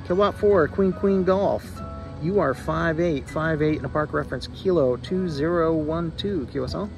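At an outdoor park radio activation, a man making amateur radio contacts spells call signs phonetically and repeats signal reports. He talks at normal speed in a fairly high voice, with music behind him and a rough recording quality.

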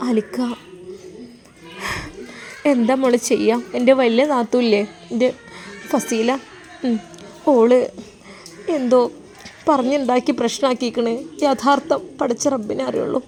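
A tearful, bitter young wife in a spoken story, her high voice breaking with hurt, as a woman acts her out. She complains softly, close and plain. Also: fairly even intonation, measured pace, long pauses, soft background music.

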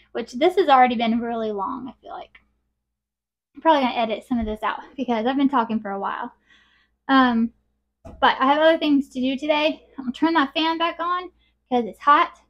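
A woman's voice: high-pitched, lo-fi sound. A woman talks casually to camera. She rambles along informally, recorded in a small indoor workroom with slightly dulled audio. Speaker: beekeeper and farm vlogger.

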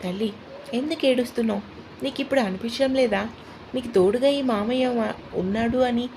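A woman voicing a gentle, protective middle-aged uncle who reassures and teases his niece. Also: on the high side, fairly quick, slight background noise, lightly acted, low-quality recording. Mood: gentle reassuring.

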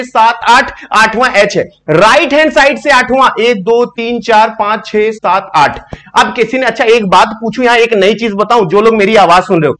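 A man's voice: very high voice, fairly bright tone. A young man teaching a live online exam-prep reasoning class, joking and chatting with viewers as he explains.

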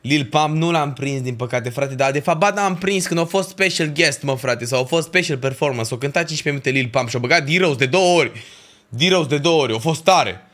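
Bright-voiced young livestreamer. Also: male voice, fairly high pitch. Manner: animated ranting with slang and swearing. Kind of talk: casual livestream chat.

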